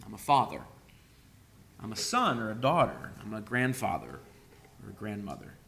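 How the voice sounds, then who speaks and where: A man's voice: mid-range voice, gravelly, fairly bright tone, a little hiss or hum. A man preaching a sermon, speaking with frequent hesitations and fillers. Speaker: pastor.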